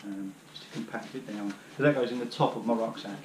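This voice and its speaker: On his knees in the living room, a British man in his thirties who vlogs about outdoor gear chats loosely through his hiking kit, full of fillers. The camera sits on the floor a few metres off, giving a low-quality, roomy recording with some hiss or hum. He speaks fairly quickly, with a fairly low pitch and darkish tone.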